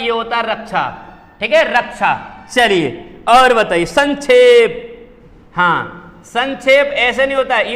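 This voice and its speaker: A man's voice: very high voice, a bit bright. A man teaching Hindi spelling, drilling each word and quizzing his class with repeated questions. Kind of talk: classroom lesson. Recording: long hall reverb.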